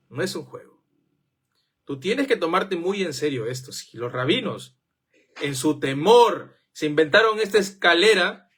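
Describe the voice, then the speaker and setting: Male preacher, sermon, husky voice, high pitch, lively swings, rhetorical questions. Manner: animated, rhetorical questions, acts out quoted voices.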